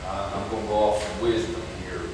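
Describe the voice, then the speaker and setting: Echoey, low-voiced Appalachian man. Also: flat delivery, a little fast. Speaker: local board member at a public meeting. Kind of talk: informal meeting discussion. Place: large echoing indoor meeting room. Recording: echoey hall, distant mic, noisy.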